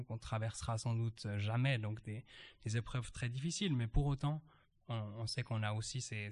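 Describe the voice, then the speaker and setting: A man at a church meeting reading Bible verses aloud and reflecting on them, halting and searching for words. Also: lowish voice, a little mellow. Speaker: church member sharing a reflection.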